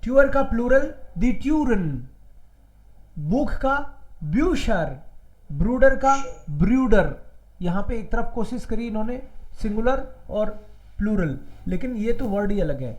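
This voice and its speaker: A man from India leads an online German lesson at an unhurried pace. He repeats each word and explains it in Hindi mixed with English. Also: high voice, very animated, low-quality recording. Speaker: German teacher. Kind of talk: online language class.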